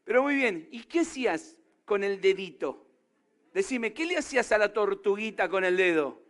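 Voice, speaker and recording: A man's voice: high voice, lively intonation, moderate pace. A man preaching a sermon in an Argentine accent, emphatic and constantly throwing questions at the congregation. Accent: Argentine Spanish. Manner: emphatic, peppers talk with rhetorical questions to the crowd. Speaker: pastor.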